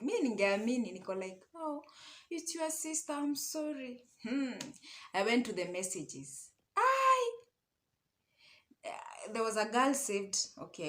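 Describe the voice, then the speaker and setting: A little high in pitch, this voice belongs to a young woman with a Kenyan accent, an online storyteller and love coach. She relates a personal experience casually, weaving Swahili into her English and frequently checking in through small tag questions.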